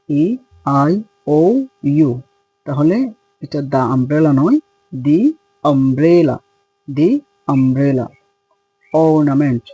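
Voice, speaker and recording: A man's voice: on the high side, dark tone, breathy edge, dry recording, lo-fi sound. A man giving a spoken English lesson, spelling words out and repeating each example phrase. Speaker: English teacher.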